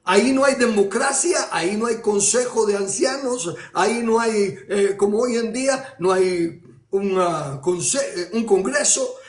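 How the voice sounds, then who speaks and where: High-voiced man preaching emphatically. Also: measured pace, roomy sound. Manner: emphatic, with rhetorical questions and repetitions. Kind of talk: sermon.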